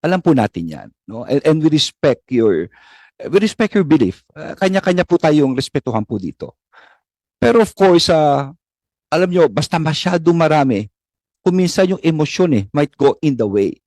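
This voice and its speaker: Isang lalaking opisyal ng gobyerno na mahinahon at mapagpakumbabang nagpapaliwanag sa isang pagdinig. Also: male voice, a little high, sing-song, a little mellow, dry recording. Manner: measured, conciliatory, explaining. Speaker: government official answering questions. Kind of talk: formal hearing testimony. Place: hearing room.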